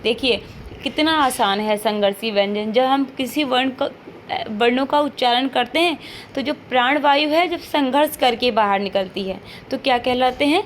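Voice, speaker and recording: A woman's voice: sits high, moderate pace, slight background noise. Patient woman teacher modeling sounds aloud. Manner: checks in with frequent rhetorical questions. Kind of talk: online classroom lesson.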